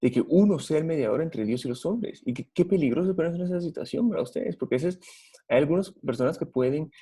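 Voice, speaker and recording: A man with a Guatemalan Spanish accent preaches a Bible study sermon. His voice sits a little high and sounds mellow and husky. He talks earnestly and keeps putting questions to his listeners. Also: expressive, fast.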